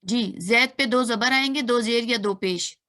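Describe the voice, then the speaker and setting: A woman's voice: a little high, measured pace, pushed and bright. A woman teaching an online grammar class, patiently repeating and spelling out sounds. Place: online video class room.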